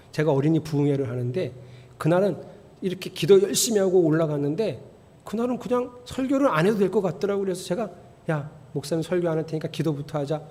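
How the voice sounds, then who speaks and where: Male pastor, high and expressive sermon voice, long reverberant hall sound. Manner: animated storytelling, rising to near-shouting emphasis. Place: church sanctuary.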